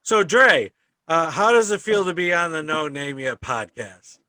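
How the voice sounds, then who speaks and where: A man hosting a podcast in casual chat, with a halting, stammering delivery. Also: fairly high pitch, big pitch swings, bright, forceful tone, dry recording. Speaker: podcast host.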